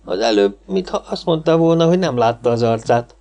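A man's voice: mid-range voice, animated, mellow, natural voice. A man voicing a police detective in an audiobook, asking probing questions. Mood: questioning. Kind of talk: audiobook character reading.

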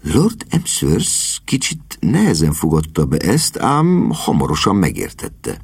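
A man narrating an audiobook in an expressive, droll way. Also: deep voice, vocal fry, husky, no room sound, clean studio sound.

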